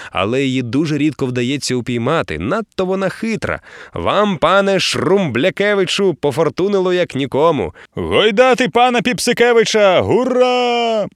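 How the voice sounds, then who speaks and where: A man voicing a boisterous, greedy old sea captain who booms out hearty commands in an audiobook. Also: a bit bright, no echo, clean studio sound. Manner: booming, hearty, bellowing commands.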